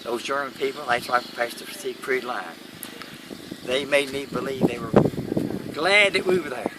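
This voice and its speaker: An elderly man with a Kentucky accent recalling war service in a plain-spoken, halting interview style. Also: mid-range voice. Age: elderly, 80s or older. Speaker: World War II veteran being interviewed. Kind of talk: first-hand war recollection. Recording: noisy, distant mic, vehicle-like background noise.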